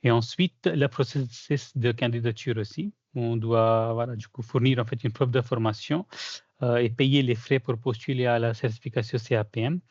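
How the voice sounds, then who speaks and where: A certified former trainee gives a casual testimonial during a video call Q&A, his medium-pitched voice hesitant and full of fillers and restarts. French isn't his first language. The sound is dry, without room echo, and comes through a muffled, lo-fi call.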